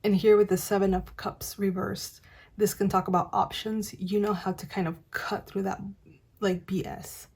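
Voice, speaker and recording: A woman's voice: mid-range voice, flat delivery, normal speed, a little mellow, breathy edge. A woman giving a casual, encouraging tarot reading to camera, chatty with many fillers. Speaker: tarot reader.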